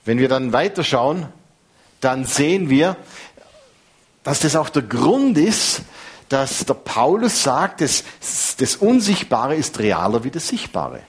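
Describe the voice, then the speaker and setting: A man, preaching a sermon in a lively, conversational way. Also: mid-range voice, slow, husky. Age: 50s.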